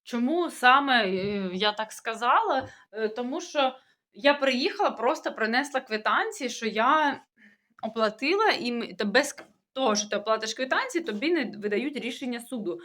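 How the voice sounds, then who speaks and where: A young Russian-speaking woman who vlogs about village life chats casually to camera about everyday things, her voice pitched fairly high, lively and a little bright at a moderate pace. She has a sore throat, rambles and restarts, and sounds puzzled.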